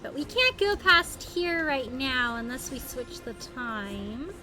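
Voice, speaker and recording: A woman with a very high, sing-song voice chats with viewers during a live game stream, music playing behind her. She thinks aloud as she plays, her pitch swinging widely, playful and quick to exclaim.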